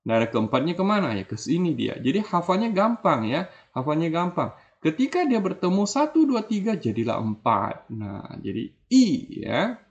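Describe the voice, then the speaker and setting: A man's voice: fairly high pitch, sing-song, moderate pace, creaky. A man teaching Mandarin tones in a video lesson, stretching out his example syllables. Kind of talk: online language lesson. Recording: dull lo-fi audio.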